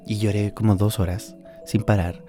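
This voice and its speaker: A man's voice: fairly low pitch, flat delivery, normal speed, mellow. A man in his early twenties with a Chilean accent, talking candidly and emotionally about stress and anxiety in a casual podcast monologue, with faint music behind him. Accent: Chilean Spanish. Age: 20s. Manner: candid, emotional, swings between laughing and tearful. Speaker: podcast host.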